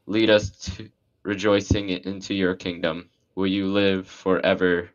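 Deep male priest, solemn liturgical delivery at a graveside, dull lo-fi sound. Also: flat delivery, measured pace. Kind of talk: graveside committal prayer.

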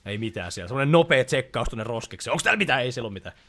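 Young man, animated let's-play chatter, jokey asides, slight background noise. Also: mid-range voice. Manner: chatty, reads game dialogue aloud, jokey asides. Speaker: gaming YouTuber. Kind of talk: casual let's-play commentary.

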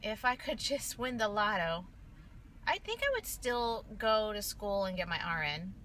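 A woman's voice: mid-range voice, big pitch swings, unhurried, bright, forceful tone. A woman in her late thirties, a nurse, chatting and venting to viewers in a rambling, casual way from inside a car. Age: late 30s. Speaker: vlogger, nurse. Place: inside a parked car, daytime. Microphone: phone camera at arm's length. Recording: car interior with vehicle noise.

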